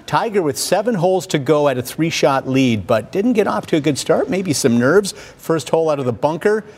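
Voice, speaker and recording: Man calling highlights like a golf commentator. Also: lively intonation, normal speed, darkish tone, slight background noise. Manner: narrates plays in present tense with short punchy phrases. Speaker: sports anchor.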